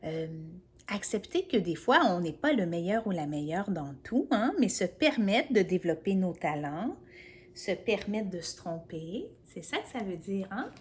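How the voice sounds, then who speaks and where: A woman reading a picture book aloud to young children, gently coaxing and speaking straight to the child. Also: medium pitch, very animated, a little slow. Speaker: children's storyteller.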